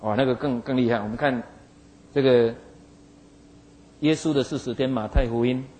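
A man's voice: medium pitch, steady tone, moderate pace, warm tone, rough recording. A man preaching, retelling a Bible story in a folksy way and acting out the figures in it. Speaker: pastor.

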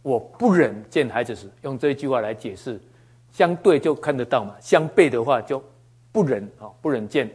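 Man, conversational Bible teaching, joking asides, folksy preacher, mid-pitched voice. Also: animated, moderate pace, darkish tone, husky.

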